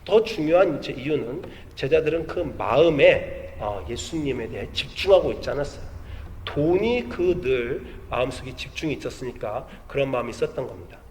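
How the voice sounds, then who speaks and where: A middle-aged man preaching a sermon as pastor, telling stories with lively, acted-out quotes. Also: mid-range voice, normal speed. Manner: animated storytelling, acts out quoted voices. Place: church sanctuary. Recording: long hall reverb.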